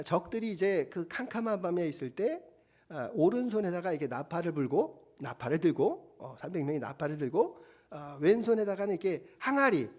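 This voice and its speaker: Animated, high-voiced male pastor. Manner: animated storytelling with acted quotes. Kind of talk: sermon.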